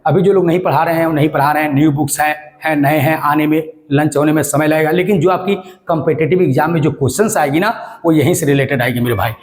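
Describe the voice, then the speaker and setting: Male grammar tutor, slightly high voice, emphatic Q-and-A delivery, repeats phrases. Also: fast, hardly any pauses. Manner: emphatic, asks and answers his own questions; repeats phrases and spells letters aloud. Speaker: English grammar teacher. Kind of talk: classroom-style lesson.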